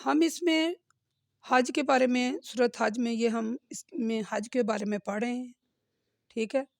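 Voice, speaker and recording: A woman's voice: fairly high pitch, fairly even intonation, a little slow, creaky, a little mellow, no room sound, studio quality. A woman giving a religious lesson in speech, explaining verses earnestly and checking in with listeners with a questioning "hmm?". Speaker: religious teacher. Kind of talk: Quran lesson with commentary.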